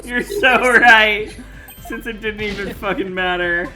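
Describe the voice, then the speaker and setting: A woman chatting casually with friends as she plays a video game, expressive, playful and sweary. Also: mid-range voice, measured pace. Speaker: video game streamer reading and voicing dialogue. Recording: game music behind the voice.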